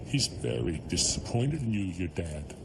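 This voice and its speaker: Deep, gravelly, taunting demon. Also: male voice, very animated, measured pace, heavily acted. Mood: cold menace. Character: spiteful, taunting male demon, mocking and menacing. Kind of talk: horror television drama acting. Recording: loud noisy background under dialogue.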